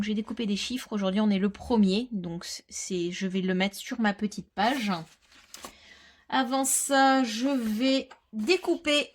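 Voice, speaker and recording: Chatty woman talking through a craft project. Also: a little high. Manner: chatty, explains while working, with quiet muttered asides. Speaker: crafter presenting a scrapbooking tutorial. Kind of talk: casual step-by-step craft tutorial.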